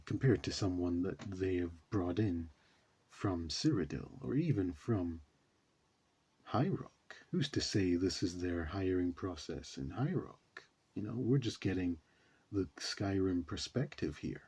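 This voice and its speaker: A man's voice: low voice, dark tone, breathy edge. A man hosting a reaction video, talking casually and rambling with many fillers. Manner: rambling, says you know a lot.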